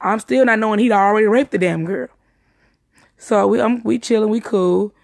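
A woman's voice: mid-range voice, moderate pace, gravelly, no room sound, studio quality. A young woman giving a rambling, profane retelling of a night out, with many restarts and repetitions. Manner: rambling, profane, emphatic storytelling; repeats herself and restarts often. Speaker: witness recounting a night out. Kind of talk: casual spoken retelling.

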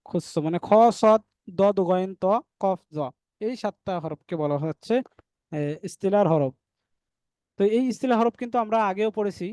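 High-voiced man teaching letters step by step. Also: dark tone, dry recording. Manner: explains step by step, sounding out letters slowly; addresses listeners as dear brothers. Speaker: Quran recitation teacher. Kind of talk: online class lesson.

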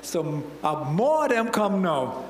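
In a church hall with a stage, a man in his fifties, a church elder with a Trinidadian accent, preaches through a handheld microphone, portraying Bible characters in local slang. His voice sits high and has a sing-song lilt at a slow pace, with roomy hall reverb around it.

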